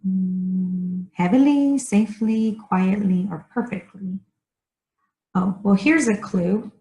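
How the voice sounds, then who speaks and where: Woman, ESL teacher, very slow careful delivery, repeats key words, roomy echo. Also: mid-range voice, dark tone. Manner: speaks slowly and deliberately, repeating key words. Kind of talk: slow, clearly enunciated grammar lesson.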